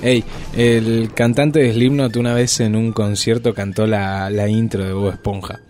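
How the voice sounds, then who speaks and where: A man's voice: on the low side, little pitch movement, measured pace, a little mellow, faint music behind. A young man with an Argentine accent co-hosting a community radio show, teasing and laughing a lot. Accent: Argentine Spanish. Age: young adult. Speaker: co-host. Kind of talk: playful banter on community radio. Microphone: studio microphone.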